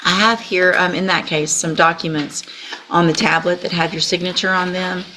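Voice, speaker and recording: A woman judge with an American accent and a low-pitched voice presides in a courtroom. She speaks in a formal, procedural way, explaining each step. The recording is clearly noisy, with clicks. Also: steady tone, normal speed.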